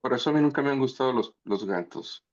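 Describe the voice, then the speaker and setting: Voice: medium pitch, quick pace. Participant with a dull, lo-fi sound. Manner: brief reactive comments. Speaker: class participant.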